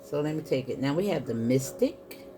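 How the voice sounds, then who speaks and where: A woman's voice: sits low, lively intonation, moderate pace. A woman doing a casual spiritual card reading, chatting to her viewers and calling them y'all. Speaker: tarot reader. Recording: soft music in the background.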